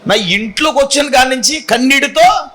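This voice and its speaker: A male pastor preaching a sermon, telling the story with acted-out dialogue and calling on the congregation to answer back loudly. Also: very high voice, fairly quick. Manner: call-and-response, urging the congregation to answer loudly.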